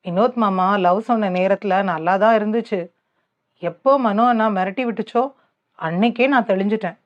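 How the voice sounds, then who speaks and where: An earnest young woman, quick to tears and defensive in her plain everyday talk, as a woman narrator puts her on. She sounds like a storybook character, middle-pitched. The recording is a little muffled. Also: natural voice. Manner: pleading, defensive colloquial speech.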